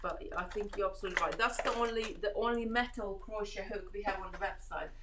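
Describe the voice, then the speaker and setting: Against a noisy background, a woman talks fast in a mid-range voice with fairly even intonation. The Hungarian-accented host of a beading live stream chats casually from home, reading comments and reassuring viewers in a wandering way marked by fillers and restarts.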